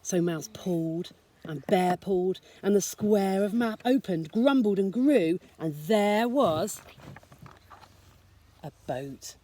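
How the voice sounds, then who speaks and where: A woman teacher reading a picture book aloud to a child, expressive and soft-spoken. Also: medium pitch, takes it slowly, no room sound.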